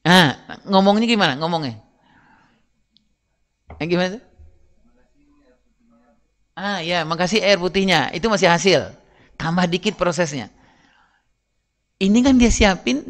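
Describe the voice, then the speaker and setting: Man, high voice, seminar talk, chatty, addresses listeners directly, acts out scenes. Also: expressive, a little slow, pauses often, fairly bright tone. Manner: acts out parent and child dialogue. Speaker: parenting speaker.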